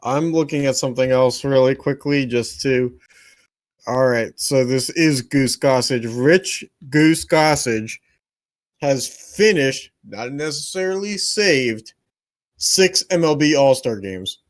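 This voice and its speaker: Young male co-host, mid-pitched, dry humor, laid-back sports chat. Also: unhurried. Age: young adult. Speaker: podcast co-host.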